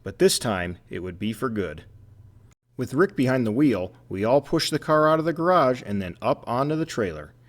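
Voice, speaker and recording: Male host, voice-over narrator, animated rise and fall, mid pitch. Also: normal speed.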